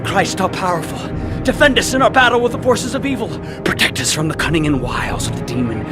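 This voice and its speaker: A man's voice: high voice, big pitch swings, quick pace, over music. An actor playing a fearful religious zealot man who preaches about doom and breaks into frantic screams. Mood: fervent. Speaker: suspect in a game cutscene.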